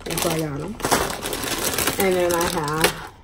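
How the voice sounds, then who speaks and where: A woman's voice: lowish voice, fairly even intonation, a little slow, heavy background noise. A woman chatting casually to camera at home as she eats for a mukbang video, rambling with lots of fillers. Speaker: mukbang vlogger. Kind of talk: casual chat to camera while eating.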